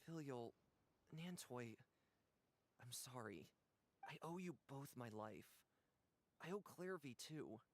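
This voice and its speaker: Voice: mid-range voice, expressive, takes it slowly, long pauses. Someone voicing a guilty, solemn young boy. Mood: solemn apologetic. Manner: apologetic, solemn.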